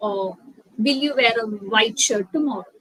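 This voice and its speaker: A young woman with a Malayali accent teaching an English lesson, spelling out words letter by letter and switching between careful English and quick Malayalam. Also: fairly high pitch, a bit bright, no echo, poor audio. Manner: slow, deliberate English explanations, mixed with rapid Malayalam. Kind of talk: online spoken-English lesson.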